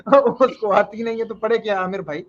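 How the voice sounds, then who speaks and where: A man's voice: high voice, steady tone, moderate pace, muffled recording. A male panelist on a streamed discussion, making indignant remarks.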